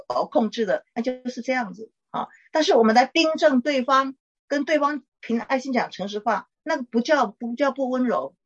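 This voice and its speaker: A middle-aged woman, a pastor's wife, gently teaching and counseling a caller in a chatty way with small laughs. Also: on the high side, breathy edge, lo-fi sound. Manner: warm conversational teaching, frequent "哈" tags and laughs.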